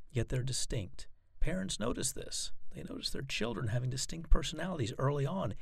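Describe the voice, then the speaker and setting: A man with a gravelly, creaky edge to his voice explains things in a calm, measured way, leaning into slow, deliberate phrases. The sound is close and dry, with no room around it. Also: on the high side, dry recording. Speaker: hypnotherapist. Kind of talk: explanatory monologue to camera.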